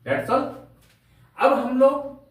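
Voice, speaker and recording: A man teaching a grammar lesson to a class, slowly spelling out words letter by letter and asking rhetorical questions. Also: extremely high pitch, very animated. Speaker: English teacher. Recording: very echoey room, from far off.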